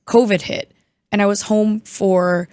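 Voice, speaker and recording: A young woman with a hoarse, worn voice talks in a loose, chatty way, full of "like" and quick asides. Her pitch sits in the middle, and the sound is dry and close, with no room around it. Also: flat delivery, darkish tone, dry recording. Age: 20s. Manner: chatty, many "like" fillers. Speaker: guest. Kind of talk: casual chat.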